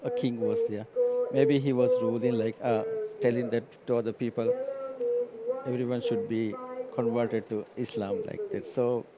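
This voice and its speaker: A man chatting and explaining casually in a halting, roundabout way, often rephrasing himself. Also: medium pitch, steady tone. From Maldives. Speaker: local guest in the commentary booth. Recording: faint noise on live event broadcast.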